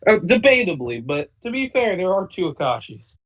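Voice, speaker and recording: A man's voice: high voice, very animated, normal speed, fairly bright tone. A man co-hosting a casual podcast chat, joking and teasing the others. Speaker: podcast co-host. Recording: dull lo-fi audio.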